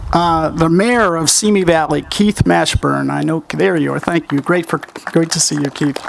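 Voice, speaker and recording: A man giving formal ceremony remarks as master of ceremonies, speaking in measured, courteous tones at a lectern microphone. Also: a little high, steady tone, gravelly, a little hiss or hum.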